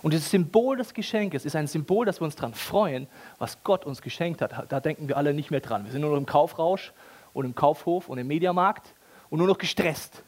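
A man's voice: fairly high pitch, a little fast. A man preaching a casual, ironic sermon with everyday language and humor. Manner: animated, ironic, colloquial.

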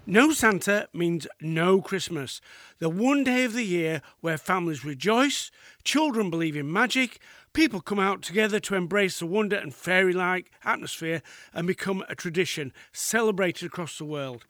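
Casting: man as anxious, sincere Christmas elf, very high voice, close dry sound, audio drama. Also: expressive, moderate pace, fairly bright tone, no echo. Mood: earnest pleading.

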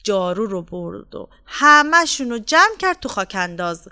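A woman narrating a folk tale as a storyteller, in a lively, expressive way. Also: mid-range voice, clear, resonant tone.

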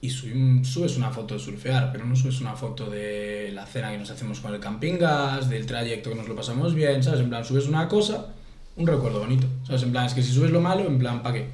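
A young man from Spain co-hosting a podcast, telling animated stories in casual slang. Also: mid-range voice, fairly quick. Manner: animated storyteller, says "en plan" constantly. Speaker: podcast co-host. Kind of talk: casual chat. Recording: roomy echo.

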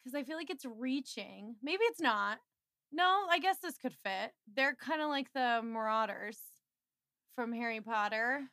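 A woman's voice: a little high, animated, measured pace, bright, forceful tone, dry recording, clean studio sound. A woman co-hosting a fan podcast with casual, playful, slangy banter. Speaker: podcast co-host.

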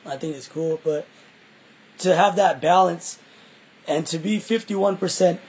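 A young man in casual, reflective conversation, halting and repeating himself, with some loose swearing. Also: on the high side, a little mellow, slightly rough, low-quality recording. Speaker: musician.

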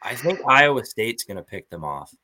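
A man talking college football with friends, his pitch jumping around as he gets going. His voice is bright and forward, and he laughs easily and swears without a second thought. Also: normal speed. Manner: animated, laughs often, swears casually. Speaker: podcast co-host. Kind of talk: casual sports chat.

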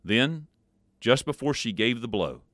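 A man hosting a devotional program, reading a story aloud in a measured, expressive way and then adding a short spiritual reflection. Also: mid-range voice, no room sound, studio quality. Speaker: devotional podcast host.

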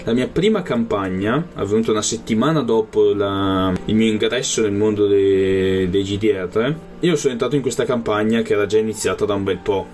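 A man with a fairly low voice chats as an interviewed gamer. He talks casually and often pauses to find his words, with guitar music playing behind him. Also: a little mellow. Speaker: interviewed tabletop role-playing player and game master.

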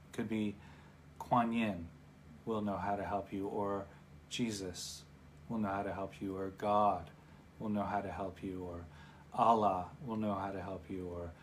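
A man with a fairly low voice retells a parable as part of a dharma talk. He speaks conversationally, stepping aside from the story now and then to talk directly to his listeners. A faint hiss sits under the voice.

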